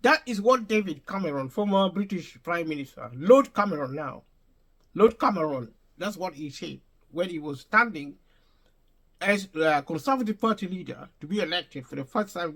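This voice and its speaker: Speaking straight to his viewers in a high, slightly bright voice, a vlogger delivers an unscripted monologue of his opinions. He's emphatic and tends to repeat and reword what he's said.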